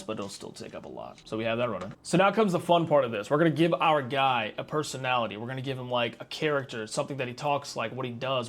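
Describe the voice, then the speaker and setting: Chatty young man walking through a tech setup. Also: medium pitch. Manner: chatty, slangy, self-mocking asides. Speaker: tech tutorial host. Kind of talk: casual screen-recorded tutorial.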